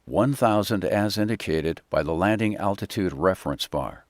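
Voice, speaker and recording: A man's voice: low-pitched, expressive, normal speed, a little mellow, no room sound, studio quality. A man working as a pilot, making terse, procedural cockpit callouts and checklist calls in short, clipped phrases. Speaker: airline pilot.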